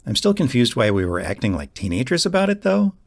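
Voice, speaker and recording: In an intimate audio roleplay, a man plays a gentle, reassuring young boyfriend, speaking soothingly and affectionately. His mid-range voice is very animated and fast, with vocal fry, and the mood is casual and happy.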